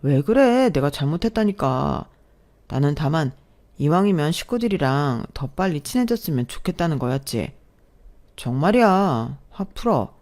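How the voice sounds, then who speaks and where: A woman's voice: sits low, sing-song, normal speed, a little mellow. A woman voicing a young boyfriend who snaps sharply and then turns placating and defensive. She reads it within a storybook narration.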